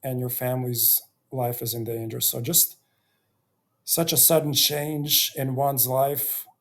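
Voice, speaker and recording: Guy in his 30s talking through his life real slow, lots of pauses and you knows. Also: medium pitch, level tone, fairly bright tone. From Bosnia and Herzegovina. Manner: slow and reflective, with many pauses and fillers. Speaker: YouTuber. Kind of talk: personal storytelling vlog.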